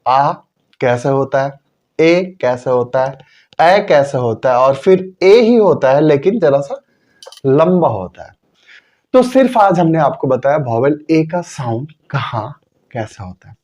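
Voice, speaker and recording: A man's voice: mid-range voice, big pitch swings, a little slow, darkish tone. A man teaching English pronunciation, drilling example words by asking and repeating them. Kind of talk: classroom-style lesson.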